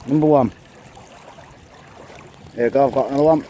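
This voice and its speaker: An Englishman chats his way through a fishing trip, counting off each catch in a relaxed, mellow voice. He talks to a camera out in the open air by a flowing river, with a faint hiss of wind and water behind him. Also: medium pitch, normal speed. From England. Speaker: angler vlogger. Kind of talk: casual running commentary while fishing. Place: outdoors on a windy riverbank, wading.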